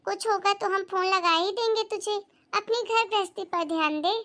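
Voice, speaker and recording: A proud young daughter-in-law from a rich family talks back firmly in a bright, very high cartoon voice, as a woman plays her. She is assertive and defiant. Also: normal speed. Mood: polite.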